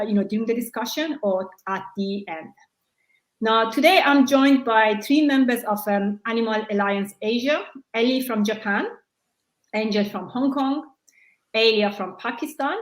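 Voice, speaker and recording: A woman moderating an online panel, her voice sitting a little high and carrying a roomy echo. She speaks in a friendly, measured way, often leaning on small fillers as she introduces the guests. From Iran. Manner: friendly, measured, with many "you know" fillers. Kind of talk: hosting an online panel discussion.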